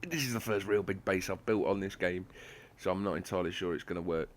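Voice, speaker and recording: A man talks over game footage in a dry, self-deprecating ramble, his voice sitting on the low side. A slight lisp from a sore tooth shows in his speech. He sounds like a home gaming channel host. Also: fast, a little hiss or hum. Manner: sarcastic, self-mocking, rambling. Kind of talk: gameplay commentary.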